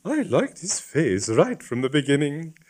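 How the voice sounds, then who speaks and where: A man's voice: on the high side, big pitch swings, a little slow, darkish tone, a little hiss or hum, pitched above the performer's own voice. A man voicing a gracious, polite elderly bishop's wife who gushes.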